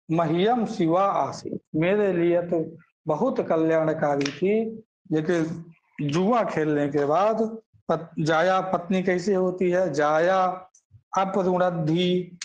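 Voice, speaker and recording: A man's voice: high voice, a little mellow, a little hiss or hum, rough recording. A man teaching scripture, chanting Sanskrit verses and then explaining them line by line, asking questions and answering them himself.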